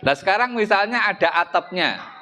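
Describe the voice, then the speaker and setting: A man's voice: high voice, expressive, moderate pace, bright, forceful tone. A middle-aged man with an East Javanese accent giving a religious study lecture in a mosque, talking conversationally and asking his listeners rhetorical questions. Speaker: Islamic religious teacher.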